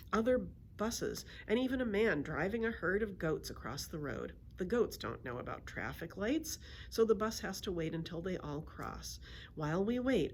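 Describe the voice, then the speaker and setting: A woman with a lowish voice reads a children's book aloud as a storyteller, acting out the dialogue expressively. The recording carries a little hiss or hum.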